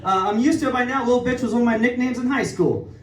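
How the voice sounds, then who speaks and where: A young man doing a self-deprecating, rambling stand-up comedy set on a club stage, with animated asides. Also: very high-pitched, fast. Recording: echoey club from far off, with crowd. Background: audience laughter.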